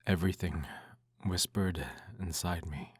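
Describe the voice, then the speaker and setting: Very deep, slow, intimately soft-spoken man, ASMR role-play. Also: steady tone, husky, dry recording, studio quality. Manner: soft intimate delivery, breaking into speaks softly. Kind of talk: ASMR role-play, reading a bedtime story aloud.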